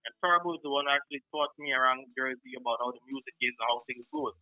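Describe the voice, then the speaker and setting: A man's voice: mid-range voice, racing, pushed and bright, no echo, low-quality recording. A man from Guyana, talking casually in an interview about his work as a sound clash selector and often tagging on "you know what I mean.".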